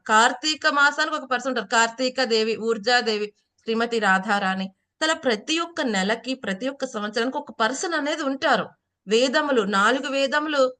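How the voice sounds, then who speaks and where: A woman's voice: fairly high pitch, fairly bright tone. A woman with a Telugu accent giving a devotional talk, telling scripture stories with voiced dialogue and questions to the listeners. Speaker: religious speaker.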